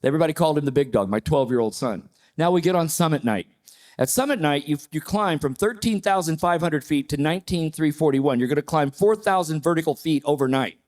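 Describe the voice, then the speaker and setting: A man in his sixties, a panelist telling a personal story with lively, acted-out quotes. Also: on the high side, a little fast. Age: 60s. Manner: animated storyteller, acts out quoted voices.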